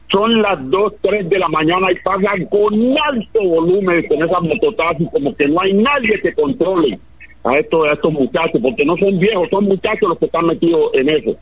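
Male caller, slightly high voice, earnest rambling, dull line, faint hiss. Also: slightly rough. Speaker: radio caller. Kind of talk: phone-in chat. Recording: muffled line with faint noise.

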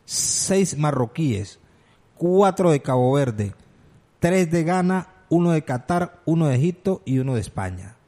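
A man's voice: a little high, sing-song, measured pace, mellow. A man co-hosting a casual football chat, agreeable and fond of reading out statistics. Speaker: sports radio co-host.

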